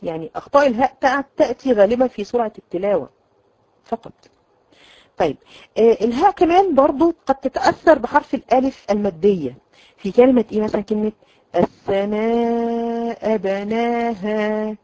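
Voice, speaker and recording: A woman with an Egyptian Arabic accent teaching Quran recitation, explaining in a chatty way and slowly drawing out example words to demonstrate them. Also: on the high side, animated, dark tone, no room sound, low-quality recording. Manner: addresses students directly, frequent "khalas?" checks. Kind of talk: recorded online lesson.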